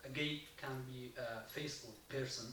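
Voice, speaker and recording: A man from Iraq asks a halting question in English, his second language, pausing often and restarting his sentences. He is heard from a distance in a reverberant hall. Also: mid-range voice, fairly even intonation, sharp tone. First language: not English. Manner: halting, many pauses and restarts. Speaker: audience member asking a question. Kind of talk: hesitant question from the floor. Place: university lecture hall. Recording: echoey hall, far from the mic, faint noise.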